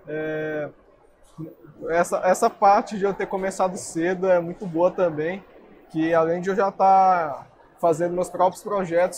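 Answering interview questions at a trade fair booth indoors, a young guest speaker sincerely talks through marketing. His voice is high and a little mellow, with some hiss or hum in the recording.

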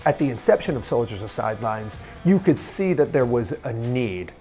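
A man's voice: medium pitch, sing-song, moderate pace, warm tone, faint music behind. A man who founded a veterans' coaching program, speaking earnestly and evenly in a documentary interview.

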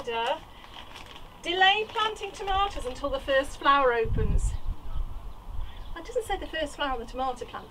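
A woman's voice: high voice, background noise. A woman, chatting casually as she pots plants in a small greenhouse, recorded by a camera on a tripod. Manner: chatty, thinks aloud while working. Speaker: allotment vlogger. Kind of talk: casual gardening vlog. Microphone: camera on a tripod nearby.

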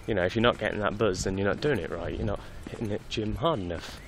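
Outdoors on a street at night, a fitness vlogger in his twenties talks fast to a phone held at arm's length after a workout. His voice is lowish, he's tired but chatty and candid, and the casual video diary has a noisy background.

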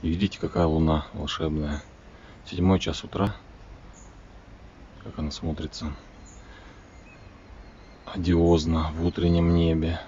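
Low-voiced man vlogging over street noise. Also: little pitch movement, measured pace, pauses often, warm tone. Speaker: motovlogger. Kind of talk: casual vlog chat to viewers. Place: outdoors, street and pavement cafe table. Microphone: handheld phone close to the speaker. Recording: muffled phone audio with street noise.

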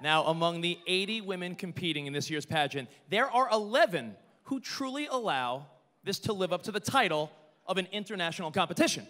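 An upbeat male host working a live pageant stage with a showy delivery. His voice is high and bright, and it rings out with long reverb over a faint crowd. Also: expressive, a little fast. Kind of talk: live show hosting.

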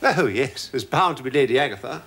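A man's voice: medium pitch, expressive, fairly quick, a loud crowd, heavy background noise, natural voice. A man playing a weary grumbling posh son.

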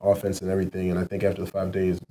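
A young college basketball player answering postgame questions at a press table in a low-key way with many ums. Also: male voice, completely flat delivery, racing, mellow, rough recording. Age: young adult. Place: press room in front of a team backdrop.

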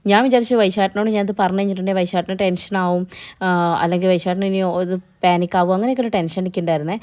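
A woman's voice: lowish voice, dark tone. A young woman narrating her own vlog in a chatty, casual voice-over, talking straight to her viewers. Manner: chatty, addresses viewers directly. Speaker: vlogger narrating.

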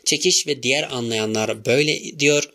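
A man narrating a novel as an audiobook in a measured storytelling manner. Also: medium pitch, bright, forceful tone.

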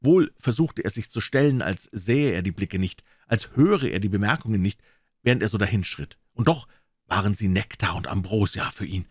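A man calmly narrating a classic novel as an audiobook reader. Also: on the low side, normal speed, slightly rough, no echo, studio quality.

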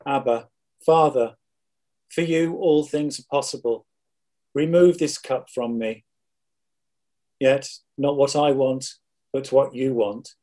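A middle-aged man reading the part of a solemn teacher, Jesus, in a measured, declamatory way for a dramatized scripture reading. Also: mid-range voice, warm tone, natural voice. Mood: grieved. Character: Jesus, solemn adult male teacher foretelling his betrayal. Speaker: scripture reader.

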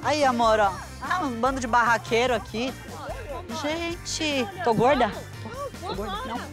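Young Brazilian woman for a TV street prank: high voice, insistent, playing offended, over background music. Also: animated, unhurried. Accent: Brazilian Portuguese. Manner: pushy, insistent, feigning offense. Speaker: hidden-camera prank actress. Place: outdoors on a city street.

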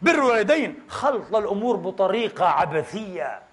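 A man's voice: sits high, sing-song, fairly quick. A middle-aged man preaching a Friday sermon, impassioned and rhetorical, calling out to the congregation as brothers.

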